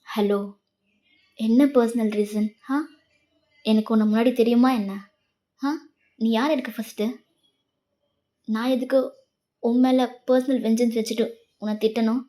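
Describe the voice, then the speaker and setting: Cold male professor, scolding and clipped, in a soft, warm tone; a woman reads him. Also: on the high side, flat delivery, measured pace, long pauses, close to an everyday voice.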